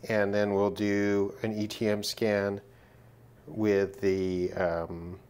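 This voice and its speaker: A male presenter of a radio gear test video talks slowly and smoothly in a low, darkish voice with a level tone. Working indoors at his desk, he gives a casual, matter-of-fact hands-on demonstration, unscripted and thinking aloud.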